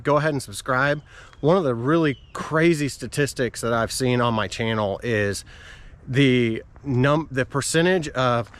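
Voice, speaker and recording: A man talking casually to his viewers as a running vlogger while out on a walk outdoors. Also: mid-range voice. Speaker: running vlogger and channel host. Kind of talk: casual vlog talk to camera.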